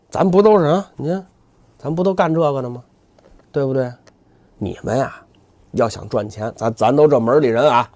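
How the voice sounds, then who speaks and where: A man's voice: fairly high pitch, darkish tone, husky, no room sound. A man voicing a brash, money-minded sweeper monk in a traditional tale, hectoring colloquially with rhetorical questions.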